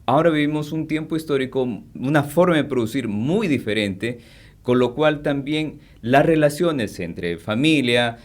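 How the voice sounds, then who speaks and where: A man explains his points on a talk radio program in a lecturing manner, building each argument step by step. His voice sits at a middle pitch. He sounds steady and instructive. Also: moderate pace. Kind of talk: explanatory talk show discussion.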